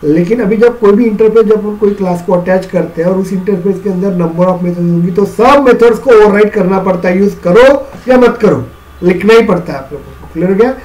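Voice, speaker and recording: A man's voice: sits high, a little fast, darkish tone, rough recording. A male teacher giving a classroom programming lecture in a mix of Hindi and English, often checking whether the students understand. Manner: repeats questions to check understanding.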